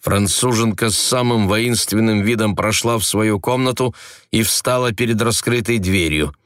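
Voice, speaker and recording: A man reading a novel aloud as audiobook narrator, measured and even. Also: fairly low pitch, no room sound, studio quality.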